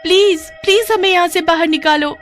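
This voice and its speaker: A woman's voice: very high-pitched, moderate pace, fairly bright tone, soft background music, pitched above the performer's own voice. A woman voicing two young schoolgirl sisters, hurt but brave, who speak earnestly and plead.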